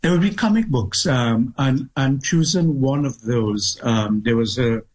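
Husky Trinidadian man, reflective storyteller. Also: medium pitch, rough recording. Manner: measured, thoughtful, with pauses and restarts. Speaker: guest author.

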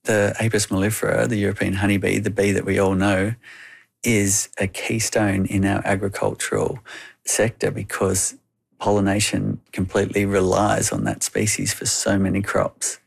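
Australian man, interview guest, explanatory talk, heavy vocal fry, lowish pitch. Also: normal speed.

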